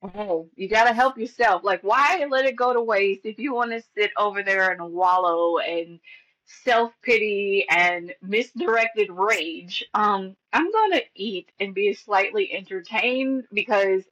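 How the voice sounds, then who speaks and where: Young female podcast co-host, crisp bright tone, mid pitch, supportive and chatty. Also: unhurried, lo-fi sound. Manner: supportive, rambling with fillers and restarts. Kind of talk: casual movie-rewatch chat.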